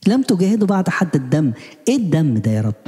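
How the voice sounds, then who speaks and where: Egyptian guy preaching quick, deep dark tone, reverb from a hall. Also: very animated. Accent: Egyptian Arabic. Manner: rapid searching questions, pleading. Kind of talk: spiritual sermon.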